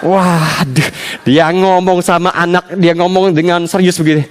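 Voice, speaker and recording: A man's voice: steady tone, measured pace, slight background noise. A man preaching a sermon as pastor, telling everyday stories with rising emphasis. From Indonesia. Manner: storytelling with a sharply rising pitch for emphasis. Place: church.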